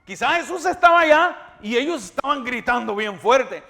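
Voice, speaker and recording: A male pastor preaching a sermon, emphatic and repeating his words, now and then rising to loud cries. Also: very high-pitched, animated, normal speed, vocal fry. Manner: repeats words and restarts often. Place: church.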